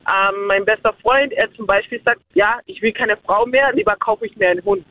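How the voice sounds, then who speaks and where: A guest shares her views in a casual chat, rambling, repeating herself and giggling as she goes. Her voice is a little high and sing-song at a moderate pace. The recording is dry and tinny, like a phone, with no echo.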